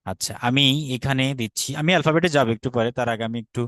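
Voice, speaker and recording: A man's voice: medium pitch, racing, a bit bright, no echo. A man with a Bangladeshi Bengali accent teaching an online class, patient, repeating drills and often checking that students follow. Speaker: Sanskrit teacher.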